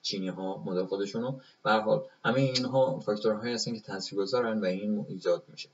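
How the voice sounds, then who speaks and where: Man, English teacher, very low voice, dull lo-fi sound, patient halting explanations. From Iran. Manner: explains slowly, repeating examples with many fillers. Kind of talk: live Q&A lesson.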